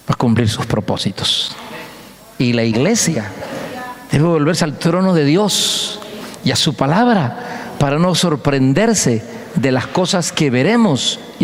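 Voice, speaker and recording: Emphatic preaching man in a reverberant church hall. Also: on the high side. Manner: emphatic preaching with repeated phrases and storytelling. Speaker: pastor. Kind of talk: sermon.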